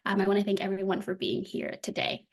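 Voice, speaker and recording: A woman's voice: medium pitch, completely flat delivery, quick pace. A young woman from the Dominican Republic, a doctoral student giving an academic talk over a video call, friendly and full of filler ums. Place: indoor room at home. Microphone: laptop webcam on video call.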